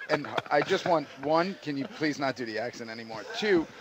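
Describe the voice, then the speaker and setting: A man's voice: a little high, expressive, a little fast. A male radio host, easygoing and mock-serious, recorded amid crowd noise. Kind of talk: casual radio chat.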